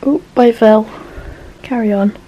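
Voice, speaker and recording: A woman's voice: a little high, steady tone, a little slow, dark tone, dull audio, a little hiss or hum. A young British woman chatting casually to camera, self-mocking and rambling with lots of "um" and "but yeah", while trying on clothes at home. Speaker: vlogger showing a clothing haul.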